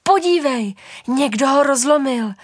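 A woman voicing an eager small village boy in a storybook reading, exclaiming excitedly. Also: sits high, dry recording, clean studio sound, pitched above the performer's own voice. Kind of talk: storybook narration.

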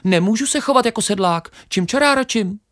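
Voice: medium pitch, lively intonation, a bit bright, voice pushed up, natural voice. A reader voicing a small, boastful male sparrow in a children's story, who chirps a nonsense refrain and repeats himself. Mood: chirpy.

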